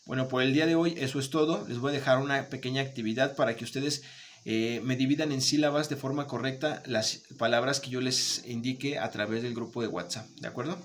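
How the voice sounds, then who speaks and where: A man's voice: mid-range voice, steady tone, fairly quick, slight background noise. A man teaching a remote lesson, patient, checking in often with his students. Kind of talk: remote Spanish grammar lesson.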